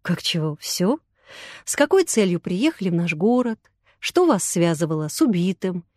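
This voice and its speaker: A woman voicing a good-natured, sly male police investigator in an audiobook, talking in an unhurried, lowered voice. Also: sing-song, a little mellow, no echo, clean studio sound. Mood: calmly probing.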